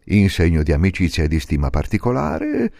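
A man's voice: deep voice, wildly swooping pitch, brisk, creaky, dark tone, no echo, clean studio sound, exaggerated voice. A man voicing a mocking, greedy fisherman in a storybook reading. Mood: gloating. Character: gloating, hungry adult male fisherman.

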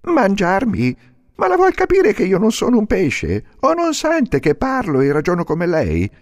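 Pinocchio, as a man puts him on, high and jumpy. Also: wildly swooping pitch, unhurried, no echo, clean studio sound, full character voice. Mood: alarmed. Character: boyish wooden puppet, impulsive and easily frightened. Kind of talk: storybook reading.

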